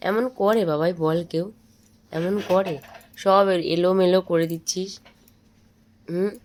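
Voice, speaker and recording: A low-pitched woman fusses over her small child at home late at night, half scolding and half cooing in affectionate baby talk. The home phone recording carries a steady hiss underneath her voice. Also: unhurried.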